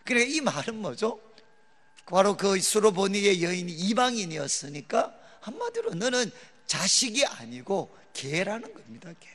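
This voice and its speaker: A male pastor preaching a sermon to his congregation, acting out prayers with dramatic emphasis and slowing down on key words. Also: high-pitched, very animated, fairly bright tone, long reverb tail. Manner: dramatic, acts out quoted prayers, slows for emphasis.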